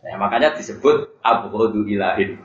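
A man's voice: on the low side, moderate pace. A middle-aged man with a Javanese accent giving a humorous religious study lecture, repeating his key points and quoting Arabic. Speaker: Islamic preacher. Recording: echoey, muffled lo-fi recording.

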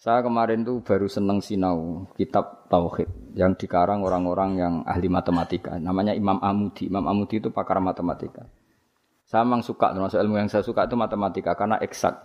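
A man's voice: sits low, steady tone, fast, darkish tone, lo-fi sound. A man with a Javanese accent giving a casual, joking religious sermon. He mixes in Javanese phrases and often laughs while he talks. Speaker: Islamic preacher.

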